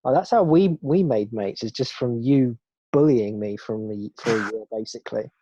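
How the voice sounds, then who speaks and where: A young British man with a British accent, co-hosting a podcast in casual chat, opinionated and quick to laugh and swear. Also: medium pitch, mellow, lo-fi sound, a little hiss or hum. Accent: British English. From Britain. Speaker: podcast co-host.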